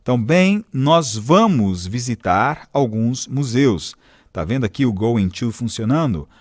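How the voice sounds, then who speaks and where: A man with a Brazilian accent teaching English, reading each phrase slowly, repeating it and explaining every step patiently. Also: mid-range voice, lively intonation, a little mellow, no room sound, studio quality. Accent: Brazilian Portuguese. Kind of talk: recorded English lesson explained in Portuguese.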